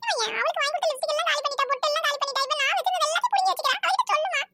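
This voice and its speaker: A woman voicing a complaining teenage girl in a cartoon, shrill and whiny. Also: lively intonation, rapid-fire, sharp tone, no room sound, exaggerated voice. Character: squabbling teenage girl, complaining about her sister.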